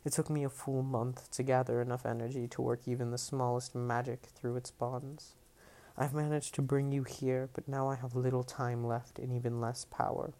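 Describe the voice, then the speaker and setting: A man reading aloud, voicing an imprisoned female goddess who is commanding and ominous, in his own voice, low, measured and stern. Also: little pitch movement, warm tone, natural voice.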